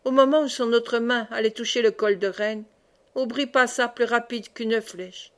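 A woman's voice: on the high side, moderate pace. Woman reading a novel aloud. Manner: expressive, raises voice for cries. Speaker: audiobook reader.

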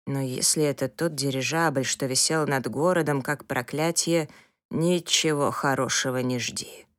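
A woman doing a slow, gruff old father. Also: steady tone, no room sound. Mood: weary. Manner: slow, low, tired sighing delivery.

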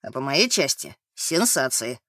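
A man's voice: mid-range voice, big pitch swings, normal speed, bright, forceful tone, no echo. Guy doing a smug reporter dude in an audiobook, mocking and drawn out, dry close sound. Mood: gloating. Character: sly gloating male newspaper reporter. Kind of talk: audiobook character reading.

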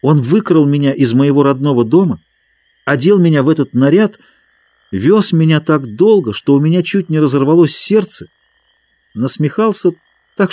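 A man's voice: fairly high pitch, no echo, pitched above the performer's own voice. An adult man voicing a timid, earnest young girl disguised as a boy in a storybook reading. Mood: plaintive. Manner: gentle, pleading, earnest.

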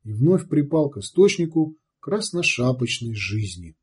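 A man narrating an audiobook in steady storytelling. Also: mid-range voice, unhurried, breathy edge. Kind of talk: scripted narration.

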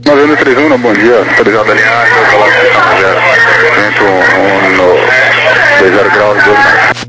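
A man working as a tower controller, issuing clipped clearances over a crackly radio. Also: lowish voice, steady tone, normal speed. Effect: aviation radio transmission. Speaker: tower air traffic controller.

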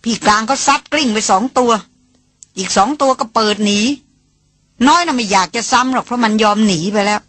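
A woman's voice: a little high, fairly quick, a bit bright, no room sound, faint music behind. A woman voicing a headstrong young woman who scolds and speaks with sarcasm in an audiobook. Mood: explaining. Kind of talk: audiobook character reading.

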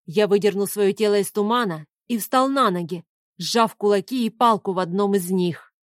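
A woman narrating a fantasy audiobook in a slow, dramatic manner. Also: medium pitch, dry recording, clean studio sound.

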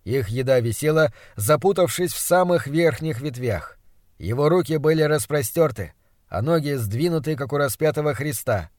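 A male audiobook narrator reading a first-person story in a measured, even manner. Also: fairly high pitch, no echo, clean studio sound. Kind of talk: scripted narration.

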